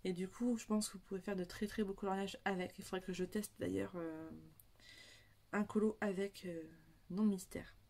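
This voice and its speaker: A woman's voice: mid-range voice, fairly even intonation, moderate pace, darkish tone. A young woman, chatting casually about her coloring supplies, rambling with many fillers and restarts. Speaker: coloring hobby vlogger. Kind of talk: casual chat showing supplies.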